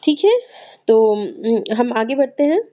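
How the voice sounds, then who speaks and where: A woman with a Hindi accent from north India gives an exam-prep grammar lesson, her voice pitched a bit high yet mellow and dark in tone. She explains patiently, going over each word again and again. The recording sounds a little dull and muffled. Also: lively intonation, unhurried. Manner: explains patiently, repeats words, often asks ठीक है. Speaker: teacher.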